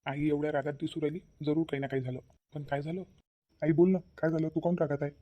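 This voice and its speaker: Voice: mid-range voice, little pitch movement, fast talker, warm tone, natural voice. A performer voicing a worried grown son and husband in a cartoon comedy, anxious and questioning.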